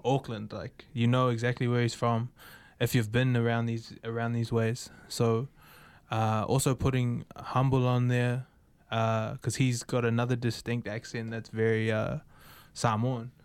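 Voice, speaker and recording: A man chatting casually about his album, relaxed, with laughing asides and lots of fillers. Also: medium pitch, unhurried, clear, resonant tone, dry recording. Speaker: musician introducing his album. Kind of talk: casual chat.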